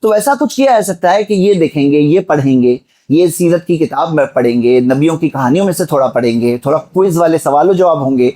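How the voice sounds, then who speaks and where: Man, preacher, slightly high voice, exhorting sermon, rhetorical questions. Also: lively intonation, hardly any pauses, warm tone. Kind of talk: Friday sermon.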